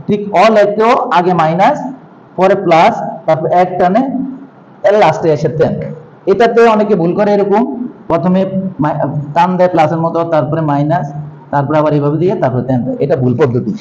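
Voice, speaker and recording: A man with a high voice teaches a class, walking through each step and repeating syllables aloud one by one. The recording sounds dull and muffled. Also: a little mellow. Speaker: language teacher. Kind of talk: classroom lesson on writing.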